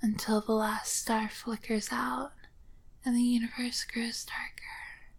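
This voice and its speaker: A woman voicing a devoted, adoring tentacled female creature, speaking in slow, breathy whispers in an intimate audio roleplay. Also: fairly high pitch. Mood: tender whisper. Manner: slow breathy whispering, calls listener master. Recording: steady background hiss.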